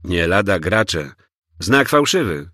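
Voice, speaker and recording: A man voicing a sharp, commanding police commissioner in an audiobook, speaking in clipped, urgent commands. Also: low-pitched, big pitch swings, takes it slowly, dry recording, clean studio sound, full character voice. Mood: explaining.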